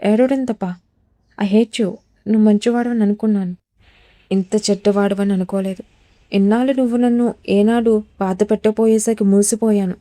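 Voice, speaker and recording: A woman's voice: medium pitch, warm tone, dry recording, natural voice. A woman voicing a heartbroken, defiant young wife in a storybook reading, tearful and reproachful.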